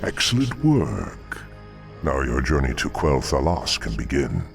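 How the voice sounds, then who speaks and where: A scheming demonic dreadlord with an extremely deep voice. He rasps his formal commands with ominous, haughty measure. It is fantasy game acting over prominent music. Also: wildly swooping pitch, unhurried, full character voice. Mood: satisfied. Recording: dramatic music behind the voice.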